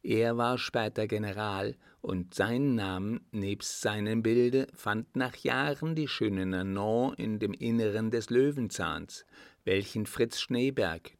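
A man narrating an old novel as an audiobook, measured and even. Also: lowish voice, no room sound. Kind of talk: scripted narration of a classic novel.

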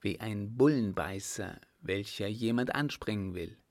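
Picture a cheeky, loyal young manservant who talks in a jaunty, plain way, as a male reader puts him on. The voice is slow and carries a rough, creaky grain. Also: fairly low pitch.

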